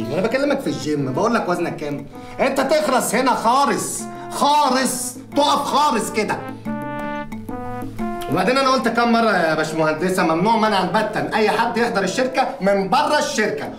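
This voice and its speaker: An actor playing a pompous, bossy company owner, blustering and teasing in an Egyptian accent. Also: male voice, sits high, a bit bright. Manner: blustering, self-important, teasing. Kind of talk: comic film acting. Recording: film audio with room echo and music.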